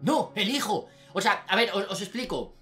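A young man with a Spain Spanish accent doing excitable let's-play commentary as a gaming YouTuber, often breaking into shouted exclamations. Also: high-pitched, normal speed, soft background music.

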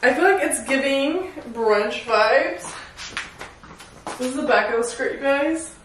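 A woman's voice: sits high, expressive, a little slow, a bit bright, slight background noise. A young adult woman doing a casual try-on haul to camera, bubbly and chatty, constantly addressing her viewers. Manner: bubbly and chatty, says "you guys" constantly. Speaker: fashion vlogger. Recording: echoey room.

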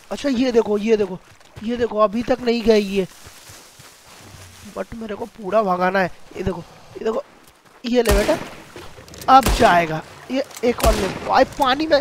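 A high-voiced man with a Hindi-speaking Indian accent commentates his gameplay live, excitable and chatty as he calls out to viewers. Game sounds and ambience run clearly behind him. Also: noisy background. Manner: excitable, addresses viewers as guys.

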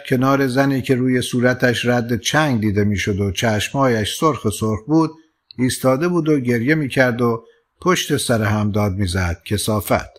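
A male audiobook narrator telling a literary story in a calm, measured way. His voice sits at an ordinary middle pitch for a man, and his pacing stays steady and unhurried. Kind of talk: scripted narration.

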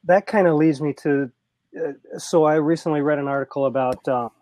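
A man's voice: a little high, brisk, darkish tone, dry recording. A man co-hosting a casual beer chat, speaking in an easygoing way with some hesitations.

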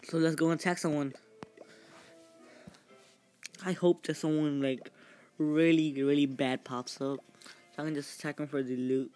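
A man's voice: a little high, fairly even intonation. Rambling male gamer over game music. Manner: rambling, halting, with many fillers and restarts; cheers loudly at the game. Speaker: gaming channel host. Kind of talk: casual gameplay commentary.

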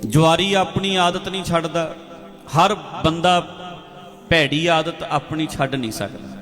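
A male preacher tells a sermon story in an animated way and repeats his points for emphasis. His voice sits high. Faint music plays behind him in an echoey hall. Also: unhurried.

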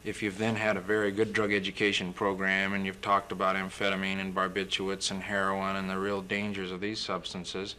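Deep-voiced young man explaining calmly. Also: slight background noise. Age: young adult. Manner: measured, explanatory, occasional throat-clearing. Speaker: physician guest. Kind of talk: interview answers. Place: TV studio.

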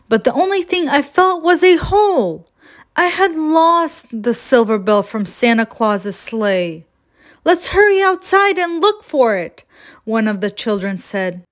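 A woman reading a children's picture book aloud as a storyteller, gentle and expressive. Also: a little high.

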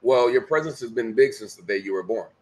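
Expressive and a little fast, this mid-range male voice comes from a middle-aged guest on a video call at home. He preaches motivation with emphasis, circling back to the same key phrases again and again.

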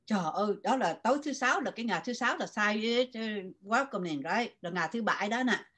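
A woman's voice: medium pitch, lively intonation, fast talker, fairly bright tone, husky. An older woman from Vietnam with a Southern Vietnamese accent, telling her story animatedly as an interview guest and switching between Vietnamese and English. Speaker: guest writer.

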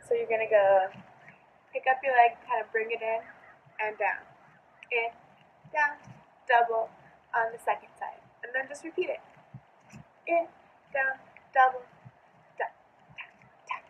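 High-voiced woman, dull lo-fi sound. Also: unhurried, long pauses, slight background noise. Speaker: dance instructor. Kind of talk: casual dance tutorial.

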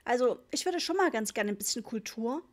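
Fretful mother on holiday, played by a woman, shrill, complaining, pitched up high. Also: expressive, fairly quick, close to an everyday voice. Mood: indignant. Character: fretful, indignant middle-aged mother on holiday.

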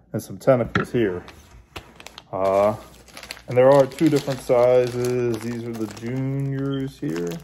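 A man hosting his own fishing channel, casually showing how he bends and adjusts a lure while he talks, in a relaxed hands-on way. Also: medium pitch, a little hiss or hum. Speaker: bass angler, channel host.

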